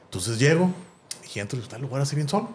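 A man's voice: medium pitch, expressive, rapid-fire, a little mellow, a little hiss or hum. A man with a Mexican accent in a casual podcast chat, animatedly telling a long anecdote and tagging his phrases with "¿no?".

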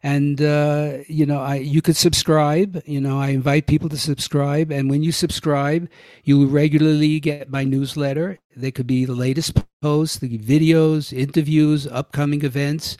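An older man speaks in a Brooklyn accent with a somewhat high-set voice. He chats in a loose, rambling, conversational way as an interview guest. The sound is dry, with little room on it. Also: little pitch movement, normal speed, a little mellow, no room sound. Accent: Brooklyn, New York. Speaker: podcast guest, health writer and vegan advocate. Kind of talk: casual interview talk.

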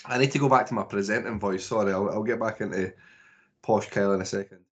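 A man's voice: on the low side, fast, very noisy. A young man hosting a casual movie podcast, teasing his co-hosts. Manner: jokey, teasing banter. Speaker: podcast host.

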